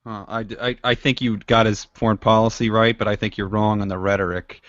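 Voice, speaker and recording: A man's voice: fairly low pitch, level tone, fairly quick, fairly bright tone, dry recording. A man co-hosting a podcast interview, speaking bluntly and with strong opinions. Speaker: podcast co-host. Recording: dull lo-fi dry sound.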